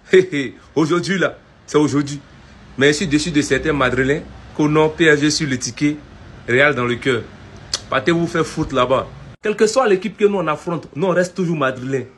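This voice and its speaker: A man's voice: on the high side, moderate pace, slight background noise. A man ranting to camera as a football fan, brash and taunting, rallying fellow supporters. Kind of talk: casual fan rant to camera.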